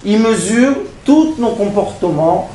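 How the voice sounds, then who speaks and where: A rabbi giving a Torah lesson to a live audience, asking rhetorical questions and acting out little dialogues. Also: male voice, high voice, expressive, takes it slowly, dark tone, slight background noise. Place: lecture room in Netanya. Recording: roomy, echoey room sound.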